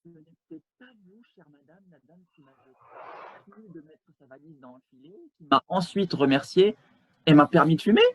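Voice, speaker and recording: A man playing a stiffly polite English gentleman in an absurdist stage scene, speaking in a halting, ceremonious way over a video call. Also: fairly high pitch, close to an everyday voice, poor audio. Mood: formal. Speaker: amateur actor.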